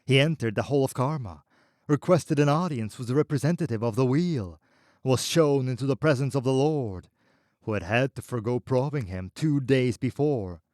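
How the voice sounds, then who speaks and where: A man narrating an audiobook in an expressive, measured way. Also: medium pitch, dry recording, studio quality.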